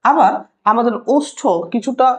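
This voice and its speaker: A woman teaching a language lesson, patient and explaining step by step, repeating key terms slowly. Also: a little high.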